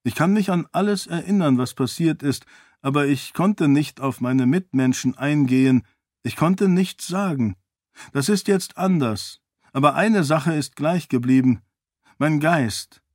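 A man's voice: a little high, measured pace, a little mellow, dry recording, clean studio sound, voice pushed up. A man voicing an earnest young man who has just been healed and is good with numbers, in an audiobook.

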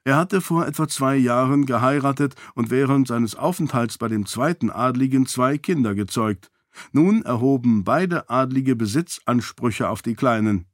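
A man narrating a story in a steady, even storytelling manner. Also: medium pitch, normal speed, no room sound, studio quality. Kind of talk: audiobook narration.

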